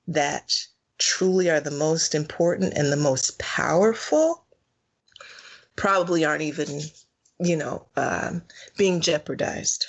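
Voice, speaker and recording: A woman co-hosting a podcast in casual chat, expressive and stretching words slowly for emphasis. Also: lowish voice. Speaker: podcast co-host.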